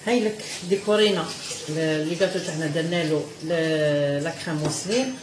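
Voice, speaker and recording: A woman's voice: low-pitched, fairly quick, background noise. Algerian woman demonstrating pastry at home. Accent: Algerian Arabic. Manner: repeats "look" over and over while she works, mixing in French words. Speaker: cooking show host.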